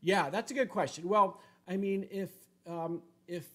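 A man in his sixties, a climbing coach hosting a casual live question-and-answer show from a room at home, relaxed and thinking aloud with many fillers. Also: high voice, measured pace. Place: home room with shuttered windows. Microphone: webcam video call framing.

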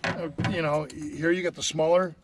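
A man's voice: a little high, fairly even intonation, moderate pace, distant mic. An older man giving casual fishing tips from a small boat on a river, folksy and full of "you know" fillers. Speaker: fishing guide. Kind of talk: casual instructional chat. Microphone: action camera on the boat. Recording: outdoor camera mic with noise.

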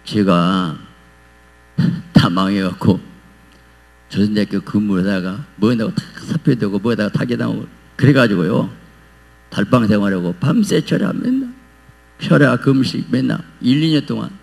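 A man preaching a revival sermon in a church as pastor, animated and acting out pleading prayers. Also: fairly low pitch, vocal fry. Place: church sanctuary. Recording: long hall reverb with mains hum.

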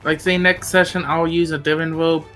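Brief: brash joking gamer guy, a bit high-voiced, game music behind. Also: flat delivery, brisk. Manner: cocky, joking. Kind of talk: casual let's-play chat.

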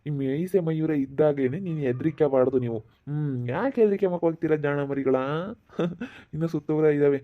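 A man's voice: a little high, narrow, tinny audio, lightly acted. A man from playing a boastful male night thief who coaxes and drawls his words in a singsong way. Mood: coaxing. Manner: singsong, coaxing, drawn-out. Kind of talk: village skit acting.

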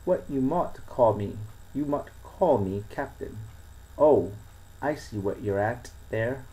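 A man voicing a fierce, coarse old sea captain who talks in a rough seafaring dialect. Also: medium pitch, slow, mellow, natural voice, poor audio. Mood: gruff. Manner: gruff, rustic seafaring dialect.

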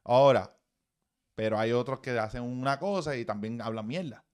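A man's voice: medium pitch, moderate pace, darkish tone. A man, a baseball hitting coach, giving blunt, profane, emphatic swing-analysis commentary.

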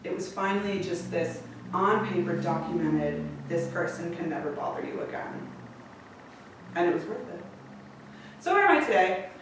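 A woman's voice: lowish voice, animated, moderate pace, long pauses, noisy background. A woman telling a personal story to a live audience, candid and swearing freely, laughing often. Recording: echoey room from a distance.

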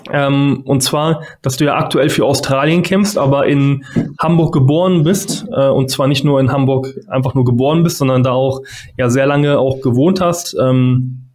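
A man's voice: medium pitch, fairly even intonation, normal speed, darkish tone. A man co-hosting a podcast over a video call, talking casually with many fillers and restarts. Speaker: podcast co-host. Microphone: podcast mic on a video call.

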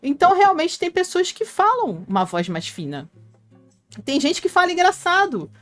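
A woman's voice: very high-pitched, big pitch swings, normal speed, faint music behind. A Brazilian woman hosting a casual live stream, reading viewer comments aloud and chatting to fans by name, laughing often. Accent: Brazilian Portuguese. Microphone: headphone mic.

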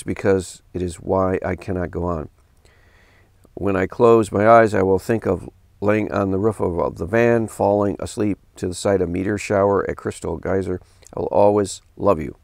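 A middle-aged pastor with a fairly low, gravelly voice reads a news story and breaks off to ask pointed questions. The sound is dry and close, with no room around him. He talks at his desk into a webcam. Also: dry recording. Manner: earnest, questioning, reads quotes in a lower flat tone. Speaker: pastor commentator. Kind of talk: reading news aloud and commenting. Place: home office with bookshelf.

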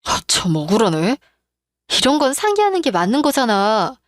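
A woman's voice: on the high side, big pitch swings, moderate pace, no room sound, clean studio sound. A woman narrating a radio-style drama in a plain, earnest manner. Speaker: narrator and storyteller.

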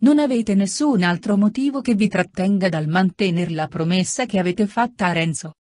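A woman reading an audiobook, voicing an old, frail and kindly male friar with a grave, gentle manner. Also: mid-range voice, moderate pace, no echo, studio quality, lightly acted.

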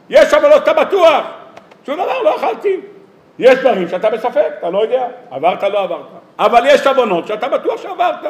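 A rabbi giving a weekly sermon to an audience, lively and humorous, firing off rhetorical questions and acting out everyday dialogues. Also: male voice, extremely high pitch. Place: lecture hall or synagogue. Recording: echoey hall sound.

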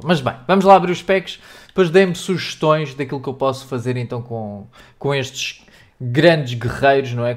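A young man with a European Portuguese accent commentating his own pack openings in a chatty, excitable way, talking straight to his viewers. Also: medium pitch. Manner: animated, shouts and laughs over big pulls, chatty asides to chat. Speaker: gaming youtuber.

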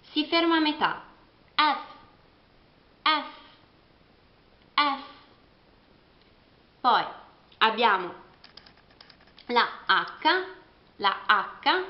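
A young Italian woman with an Italian accent, an English teacher giving a beginner lesson and repeating each letter slowly. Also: medium pitch. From Italy. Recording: roomy, dull lo-fi home recording.

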